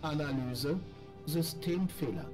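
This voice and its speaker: An actor voicing a malfunctioning male robot companion that reports system errors in clipped, flat phrases, with game music behind. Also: a little high, slow. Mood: mechanical. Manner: clipped, flat machine reports in single words. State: glitching, malfunctioning. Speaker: game character.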